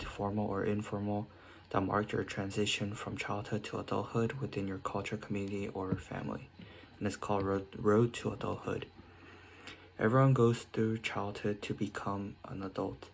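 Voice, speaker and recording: A teenage boy from South Korea, a student, reads a prepared essay aloud in short phrases, making small slips and restarting. His voice is fairly low with vocal fry, a level tone, and a moderate pace. There's slight background noise.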